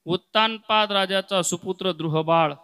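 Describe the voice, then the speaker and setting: A man's voice: high voice, normal speed, bright, forceful tone, clean tone, no room sound. A man preaching a devotional kirtan, telling stories and breaking into sung verses, with asides to the audience. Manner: storytelling sermon broken by sung verses; addresses the audience directly with asides.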